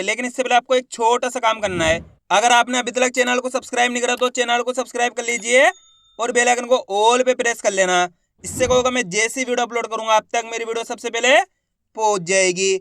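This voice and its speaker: A man teaching an online class to beginners, cheerful and repetitive, often asking the viewer if things are clear. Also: very high-pitched, fairly bright tone, no room sound, clean studio sound. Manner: enthusiastic, repetitive, asks the viewer questions. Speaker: Hindi reading teacher.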